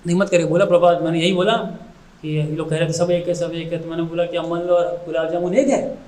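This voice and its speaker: High-voiced man giving a lively devotional talk. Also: quick pace, reverberant, poor audio. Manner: lively storytelling, switching often into English phrases. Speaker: spiritual speaker.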